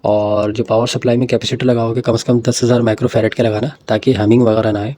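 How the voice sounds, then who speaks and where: Mellow-voiced man explaining a circuit. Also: mid-range voice, flat delivery. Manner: repeats "ٹھیک ہے" as a check-in, with drawn-out "آ" pauses. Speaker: electronics tutorial host. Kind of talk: casual walkthrough of a circuit diagram.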